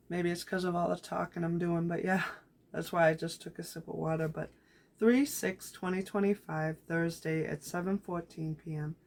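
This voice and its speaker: A woman vlogger calmly and reflectively reads aloud from her handwritten journal. Her deep voice is gradually turning raspy.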